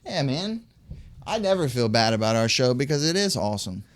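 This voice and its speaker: A man's voice: mid-range voice, a little fast. A man co-hosting a casual podcast in a small studio, rambling and joking with friends. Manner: rambling, jokey, animated. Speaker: podcast co-host. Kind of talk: casual chat.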